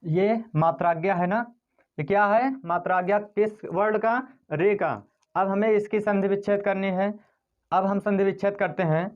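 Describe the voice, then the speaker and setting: A man's voice: sits high, fairly even intonation, moderate pace, lo-fi sound. A male teacher giving a step-by-step grammar lesson, asking his students questions and then answering them himself. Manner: repetitive, step-by-step explaining. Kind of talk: classroom-style grammar lesson.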